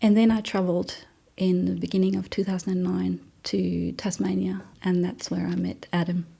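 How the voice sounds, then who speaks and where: Husky low-voiced woman from Denmark. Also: moderate pace. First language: Danish. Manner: soft-spoken, relaxed, with frequent fillers and laughs. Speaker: interviewee. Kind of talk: casual storytelling interview.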